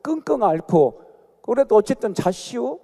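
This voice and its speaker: A middle-aged man with a Chungcheong accent preaches in a large sanctuary, his voice high and mellow. His delivery swings up and down as he tells folksy stories and jokes with the congregation. A long church reverb trails every phrase. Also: big pitch swings, moderate pace. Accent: Chungcheong Korean dialect. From Chungcheong Province, Korea. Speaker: guest pastor. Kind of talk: sermon with personal stories.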